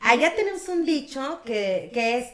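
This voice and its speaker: A woman's voice: sits high, sing-song, measured pace, a bit bright. A woman from Guerrero with a Mexican accent, chatting casually as a podcast guest. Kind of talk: casual chat.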